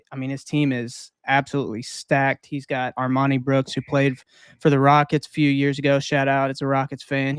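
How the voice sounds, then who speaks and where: A man's voice: mid-range voice, smooth, no room sound, clean studio sound. A man co-hosting a casual sports podcast, talking in a conversational way with frequent "uh" and "I mean". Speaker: podcast co-host.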